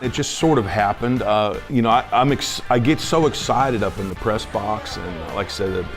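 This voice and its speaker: A middle-aged man telling stories in a casual interview, in a halting, folksy way. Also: lowish voice, music in the background. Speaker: high school football announcer.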